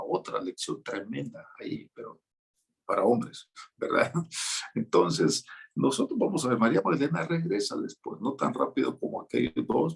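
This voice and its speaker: A man's voice: medium pitch, creaky, slightly rough. A man preaching a sermon as a pastor, teaching in a conversational way with light jokes.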